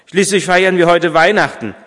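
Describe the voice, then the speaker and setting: A man reading aloud as a kind old shoemaker, gentle and eager, with hesitant fillers, in a reverberant church. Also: sits high, moderate pace, pitched above the performer's own voice. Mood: kindly. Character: kindly old male shoemaker, warm and hopeful.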